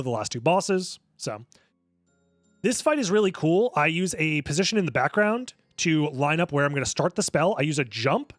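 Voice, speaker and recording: Male speedrunner, slightly high voice, casual analytical walkthrough style, dry room, faint music underneath. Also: fairly bright tone, dry recording. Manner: analytical, step-by-step explaining. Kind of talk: casual explanatory speedrun commentary.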